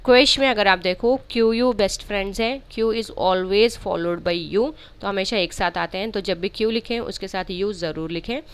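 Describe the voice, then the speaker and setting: A woman's voice: medium pitch, normal speed, few pauses, smooth. A woman with an Indian English accent teaching a spelling lesson, explaining each word step by step and drawing out the words she spells.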